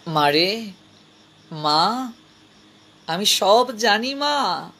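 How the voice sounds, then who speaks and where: A man playing a kind old holy man who speaks softly and tenderly, in a gentle, admonishing way. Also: sits high, lively intonation, drawn-out words, exaggerated voice. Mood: gently admonishing. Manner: soft, tender, calls her mother.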